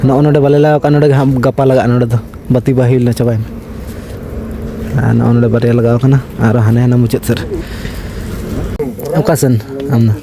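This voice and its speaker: A man's voice: mid-range voice, little pitch movement, normal speed, pauses often. A man chatting casually as a vlogger outdoors at night, laughing often. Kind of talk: casual vlog chat. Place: outdoors at a lit-up night event. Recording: busy crowd noise around.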